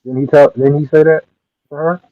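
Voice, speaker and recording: A man's voice: a little high, level tone, fairly quick, no room sound. A man chatting casually on a remote call, his mic breaking up so he sounds muffled, as if heard through a wall. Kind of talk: casual chat.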